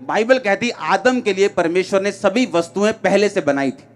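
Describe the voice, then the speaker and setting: A man's voice: high voice, normal speed. A man, preaching emphatically and firing rhetorical questions at a crowd in a large outdoor tent. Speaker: pastor. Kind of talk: sermon. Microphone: handheld microphone.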